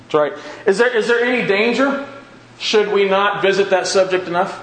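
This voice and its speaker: In a big, echo-filled indoor room with faint background noise, a man addresses his church Bible class informally, restating his questions in different words to drive them home. His voice sits high and a bit bright, at normal speed.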